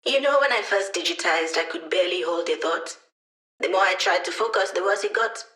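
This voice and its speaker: A woman's voice: fairly low pitch, fairly quick, a bit bright, natural voice. A woman voicing a digitized young female hacker in a video game, a wry, upbeat ally with casual, techy chatter. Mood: reflective, amused.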